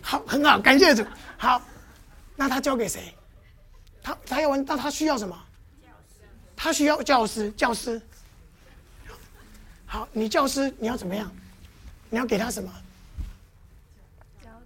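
Woman, high voice, church teacher, quizzes listeners over and over, playful demonstrations. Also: normal speed, pauses often, a bit bright. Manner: constantly quizzes the audience with questions.

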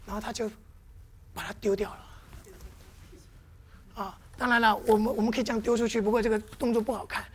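A high-pitched woman teaches in a church, firing questions at her listeners and acting out little scenes. Her delivery is lively and interactive, like a teacher coaxing answers from a class. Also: quick pace, long pauses, a little hiss or hum. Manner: constantly quizzes the audience with questions; lively, with playful demonstrations.

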